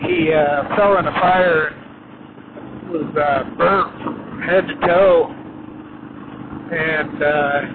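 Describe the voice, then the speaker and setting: A man talking from inside a helmet as he rides, giving casual motovlog commentary in a halting, unhurried way with many pauses. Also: on the high side, steady tone. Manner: halting, unhurried, pausing often. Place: inside a helmet, riding a motorcycle on the highway. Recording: muffled inside helmet, motorcycle wind noise. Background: motorcycle engine and road wind, loud.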